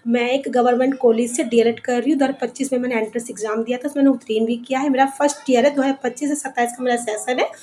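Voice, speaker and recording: Young woman, high voice, chatty vlog, repeats words, walking outdoors, slightly breathless. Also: fairly even intonation, rapid-fire, few pauses, darkish tone, slight background noise. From Bihar, India. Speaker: vlogger. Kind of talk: casual vlog chat. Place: outdoors on a village road, walking.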